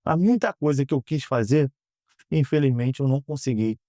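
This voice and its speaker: A Brazilian man in his thirties answering interview questions in an earnest, measured way, often ending phrases with a questioning tag. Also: medium pitch, lively intonation, warm tone, no echo, clean studio sound. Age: 30s. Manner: earnest, measured, frequent "né?" tags. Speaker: guest, politician. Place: podcast studio.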